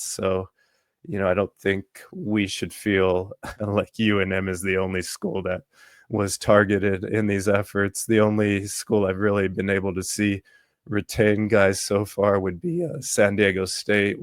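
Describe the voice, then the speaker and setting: A man hosting a sports podcast in casual talk, his voice worn from allergies, halting with many ums and restarts. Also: lowish voice, dry recording. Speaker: podcast host.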